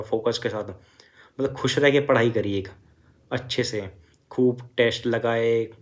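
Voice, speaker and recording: A young man, a first-year medical student, telling his exam story and advising students in a casual, filler-heavy way. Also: medium pitch. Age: young adult. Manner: conversational, many fillers, advising students directly. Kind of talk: casual motivational talk.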